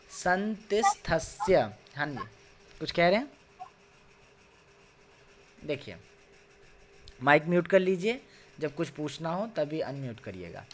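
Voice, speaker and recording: A high-voiced man teaches Sanskrit over a video call with a noisy background. Patient and slow, he sounds out each word syllable by syllable and uses tag questions often.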